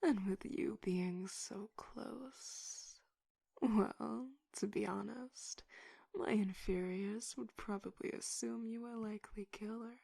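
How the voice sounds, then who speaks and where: Woman acting a soft-spoken tough-cop detective, ASMR role-play. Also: medium pitch, steady tone, creaky, no room sound, clean studio sound. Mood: confident, condescending. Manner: slow, deliberate, intimidating tough-cop manner. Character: tough cop, stern condescending detective interrogating a witness.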